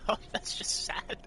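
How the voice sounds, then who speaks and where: A man commenting on a game as he plays, slipping into playful mock-ASMR whispers and bursting out with sudden loud reactions. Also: slight background noise. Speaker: game player. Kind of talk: let's play commentary.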